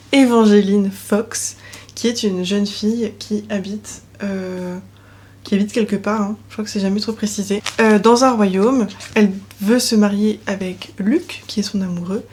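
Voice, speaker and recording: A young woman records a casual video at home with her bookshelves behind her. Her voice is breathy and husky, sitting at an ordinary middle pitch. She talks in a chatty way and lets asides trail off softly. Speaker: book vlogger. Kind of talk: casual chat presenting books.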